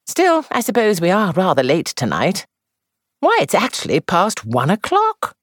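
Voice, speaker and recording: A woman reading aloud and voicing a practical middle-aged hostess who talks in a brisk, blunt way. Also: fairly low pitch, huge pitch swings, dry recording, clean studio sound, voice pushed up.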